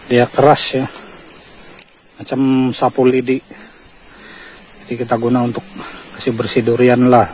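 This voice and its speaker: A middle-aged Malaysian man talks through his durian harvest in a steady, flat voice. He is out on a hillside, with clear outdoor noise in the background. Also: mid-range voice, a little slow, pauses often, rough recording. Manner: relaxed explaining, steady even delivery. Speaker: vlogger. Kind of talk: casual outdoor vlog.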